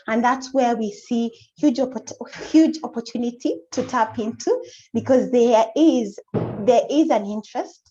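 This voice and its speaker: A woman speaking as a panelist on a video call, measured and often correcting herself. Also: on the high side, dark tone. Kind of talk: online panel discussion. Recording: muffled lo-fi video-call audio.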